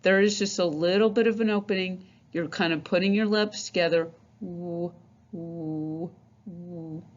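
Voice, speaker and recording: A woman teaching a phonics lesson, patiently repeating each letter sound and explaining how the mouth forms it. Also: lowish voice. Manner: slow, patient, repeats sounds many times. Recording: dull lo-fi recording.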